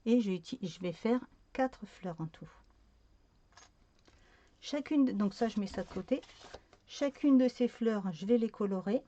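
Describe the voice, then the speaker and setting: A woman's voice: mid-range voice, lively intonation, measured pace, long pauses, warm tone, muffled recording. A woman talking through a card-making tutorial in a casual, hesitant way, with many fillers and self-corrections.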